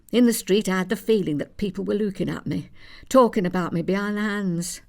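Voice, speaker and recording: With a fairly low pitch and a darkish tone, an actress of older age portrays a plain-spoken elderly mother from Yorkshire. Her monologue is conversational storytelling for the stage, dry, gossipy and matter-of-fact.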